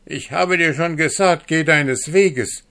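A furious market woman from a storybook reading, her voice pitched high and loud with scorn, put on by a man. She scolds in sharp outbursts, and the delivery stays slow and drawn out. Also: clear, resonant tone, full character voice. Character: angry middle-aged market woman, shrill and scornful.

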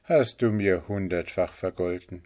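A man's voice: sits low, measured pace, mellow. A man voicing a meek, anxious enslaved boy in a fairy tale, in an earnest raised voice.

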